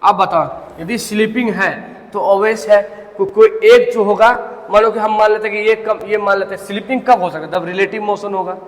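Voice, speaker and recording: A man's voice: high voice, steady tone, brisk. A man teaching a physics class, mixing in terms and asking his students questions as he works through a problem step by step. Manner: explains step by step, often asks the class questions. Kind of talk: classroom lecture. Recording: reverberant classroom, faint background noise.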